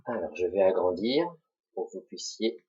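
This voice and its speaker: A man teaching a dictation lesson, slowly spelling out syllables for children to repeat and write. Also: deep voice, sing-song, a little mellow, husky. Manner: slow, deliberate, spells out syllables. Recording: dull lo-fi recording.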